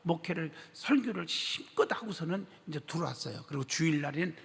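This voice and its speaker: A man preaching in a church with a high, gravelly voice. He tells his story with animated delivery, acts out the people he quotes and puts questions to the congregation. A long hall reverb trails behind every word. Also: brisk. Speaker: pastor. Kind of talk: sermon. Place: church sanctuary.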